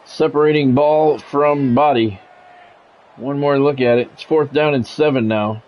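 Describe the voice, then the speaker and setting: At an unhurried pace, a medium-pitched man gives football play-by-play for a video game, clipped and brief, with casual, dry and blunt asides. He is a sports video game streamer and commentator, captured through a dull, lo-fi mic that has faint noise.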